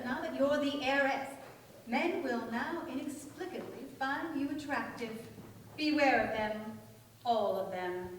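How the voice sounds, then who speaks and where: In a staged radio play, a woman with a high voice plays a bossy, neurotic older cousin who scorns men, a busybody divorcee with a spinsterish air. Her delivery is theatrical, declamatory and imperious, recorded in an echoey hall through distant mics with faint noise.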